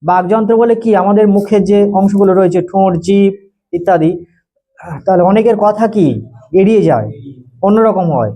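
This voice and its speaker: A man with a high, mellow voice teaches a grammar lesson in a classroom. He dictates definitions slowly, repeats phrases for note-taking and fires questions at his students. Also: low-quality recording. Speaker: tutor.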